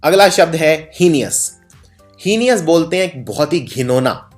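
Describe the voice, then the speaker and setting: A man's voice: on the high side, lively intonation, a little slow, soft background music. A man teaching English spelling in Hindi, explaining word meanings and spelling each word out letter by letter. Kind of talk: explaining lesson.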